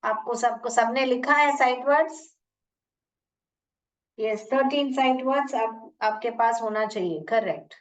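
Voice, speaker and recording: A woman with an Indian accent teaching English phonics in an online class, repeating sounds slowly and asking questions. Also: on the high side. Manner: slow, repeats sounds and words, asks questions. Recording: muffled, distant from the mic.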